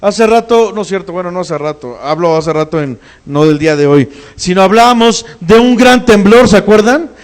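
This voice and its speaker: A man's voice: high-pitched, expressive, moderate pace, few pauses. A man with a Mexican Spanish accent preaching a sermon as pastor, emphatic, with rhetorical questions and repeated exhortations.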